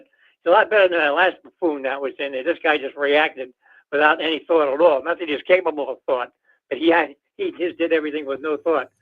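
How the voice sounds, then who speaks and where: A man phones in to a radio show for a casual political chat, rambling in a folksy way packed with filler phrases. His voice is a little high and slightly rough, carried over a tinny, narrowband telephone line.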